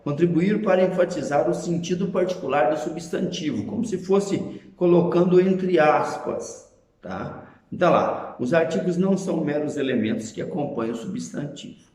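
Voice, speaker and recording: A man's voice: fairly high pitch, darkish tone. Brazilian man teaching grammar, echoey room. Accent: Brazilian Portuguese. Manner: explanatory, with frequent tag questions. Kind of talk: classroom grammar lesson.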